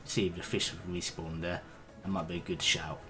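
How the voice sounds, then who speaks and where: Low-voiced man rambling on stream. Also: flat delivery, fairly quick, over music. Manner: rambling, hesitant, swears casually. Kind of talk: casual gaming stream chat.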